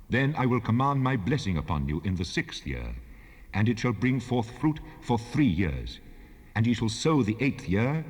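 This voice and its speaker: A man playing God in a dramatized scripture recording, handing down laws in a solemn, measured, commanding manner. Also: fairly low pitch, darkish tone, husky. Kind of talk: dramatized King James scripture reading. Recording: long hall reverb, 1970s cassette rip.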